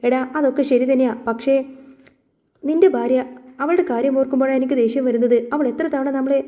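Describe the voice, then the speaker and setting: A stern, scornful mother-in-law from a storybook retelling, voiced by a woman narrator. She talks harshly and firmly, high in pitch and quick, with a mellow, darker timbre. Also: natural voice. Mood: angry. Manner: harsh, raised voice.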